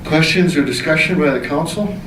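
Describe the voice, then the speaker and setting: The mayor, whose voice is a little high and a little fast, chairs the city council meeting, formally reading out reports and proceeding through the agenda. The echoey indoor room, a far-off mic, and background noise color the recording.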